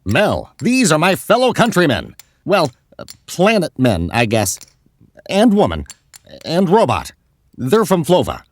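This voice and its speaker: A man's voice: fairly high pitch, huge pitch swings, a little slow, pauses often, pitched above the performer's own voice, exaggerated voice. A man voicing an earnest male alien gamer who explains things eagerly.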